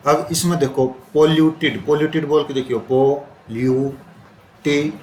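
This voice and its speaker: A man's voice: a little high, fairly even intonation. Male teacher drilling grammar in an echoey room. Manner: repeats and drills words slowly, quizzing students. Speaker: English teacher. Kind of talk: classroom grammar lesson. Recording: roomy classroom with faint noise.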